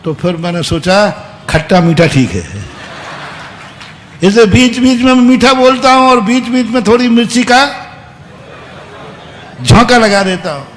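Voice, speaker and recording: A man, a Jain monk, giving a sermon, telling stories with sudden loud emphatic bursts and quiet asides. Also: extremely high pitch, very animated, a little slow, long pauses. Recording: long hall reverb with faint background hum.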